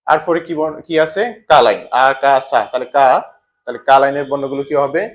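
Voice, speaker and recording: A man's voice: medium pitch, fast. A man teaching a language lesson, explaining step by step and asking questions that he answers himself. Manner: asks questions and answers them himself, repeats patterns.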